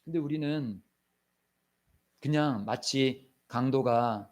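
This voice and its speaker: A man preaching a sermon as pastor in a church, swinging between loud calls and hushed, near-whispered lines, and acting out short prayers and scenes. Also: medium pitch, slow.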